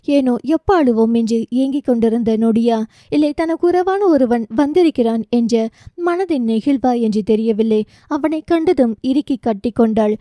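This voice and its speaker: A woman reading a romance novel aloud as an audiobook narrator, in steady, even storytelling. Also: fairly high pitch, no echo, clean studio sound.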